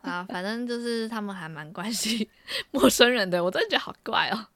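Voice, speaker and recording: A woman's voice: mid-range voice, brisk, no room sound. A young woman from Taiwan, co-hosting a podcast and telling casual stories with many restarts. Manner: animated, laughing often, with many restarts. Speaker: podcast co-host. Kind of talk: casual storytelling chat.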